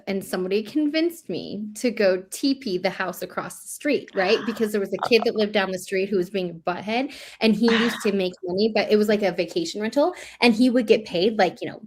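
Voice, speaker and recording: A woman's voice: mid-range voice, a little mellow, slight background noise. Chatty woman telling stories. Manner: chatty storyteller, many "like" fillers. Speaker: host. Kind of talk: casual chat.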